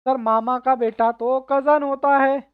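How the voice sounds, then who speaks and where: A man's voice: very high voice, steady tone, unhurried, smooth, no room sound. A male teacher giving an online reasoning class, explaining step by step and keeping at his students to answer. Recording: tinny phone-like dry sound.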